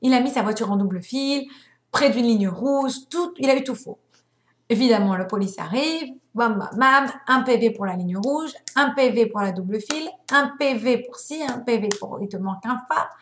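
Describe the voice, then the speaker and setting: A young adult woman teaching a spiritual lesson, telling stories in an animated way and acting out the voices. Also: fairly high pitch, moderate pace. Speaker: religious teacher. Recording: roomy echo.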